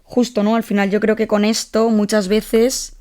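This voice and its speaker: A young woman with a Spain Spanish accent, a psychologist co-hosting a podcast, explaining things calmly with example dialogue. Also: mid-range voice, normal speed. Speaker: psychologist co-host. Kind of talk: casual podcast chat.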